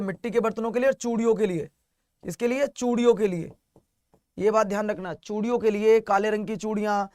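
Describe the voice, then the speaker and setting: A man's voice: high-pitched, darkish tone, no echo, clean studio sound. A man teaching an exam-prep lecture, asking questions and answering them himself, repeating key facts for his students. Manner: addresses students as friends and kids.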